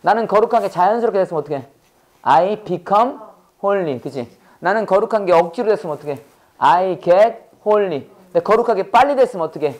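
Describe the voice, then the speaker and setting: A man's voice: high voice, animated, moderate pace. A man teaching an English lesson to a class, drilling students with constant questions and exaggerated pronunciation. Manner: drills students with repeated call-and-response questions.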